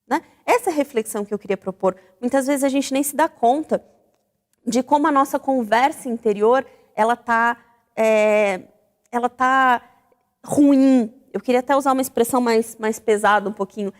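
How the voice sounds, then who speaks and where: Female talk-show host, high-pitched, reflective and questioning, long room reverb. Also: normal speed. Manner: reflective, animated, asks the audience questions.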